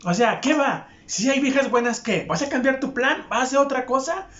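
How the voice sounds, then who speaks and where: Mexican man, young, crude mocking storyteller, high voice, echoey lo-fi room. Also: animated, moderate pace, fairly bright tone. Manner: crude, profane and mocking, with frequent laughs. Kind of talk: casual anecdote monologue. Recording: echoey room, dull lo-fi sound.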